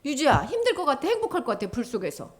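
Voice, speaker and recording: A woman preaching to children with a high, very lively voice that swoops up and down. She tells stories vividly and acts out the voices of the people in them. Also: racing. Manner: animated storytelling, acting out voices. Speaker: children's pastor. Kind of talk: children's sermon.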